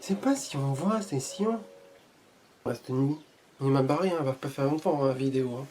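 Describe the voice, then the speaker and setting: A man with a medium-pitched, darkish voice talks a little fast with faint music behind him. He's vlogging casually as he learns Portuguese, trying out and repeating phrases with joking bravado.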